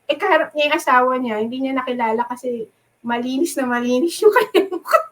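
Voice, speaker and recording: A middle-aged woman from the Philippines, a nurse, chatting casually as an interview guest, animated and laughing often as she acts out the voices of people she quotes. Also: high voice, quick pace, low-quality recording. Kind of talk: casual storytelling chat.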